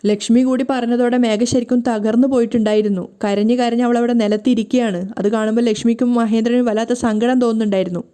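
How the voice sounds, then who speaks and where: Woman narrating a serial recap, soft mellow voice, bit high, steady. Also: fast talker, hardly any pauses, smooth.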